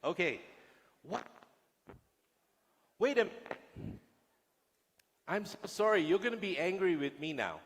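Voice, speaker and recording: A man's voice: high voice, animated, a little slow, pauses often. A male guest lecturer speaking to police officers in a large lecture hall, joking with and teasing the audience. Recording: long hall reverb.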